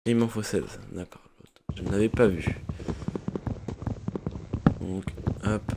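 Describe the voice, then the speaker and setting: A gaming YouTuber casually narrates his own gameplay in French, thinking aloud and filling his speech with fillers. His voice sits on the low side with fairly even intonation and a slow pace. The recording is very noisy, made on a poorly set-up mic.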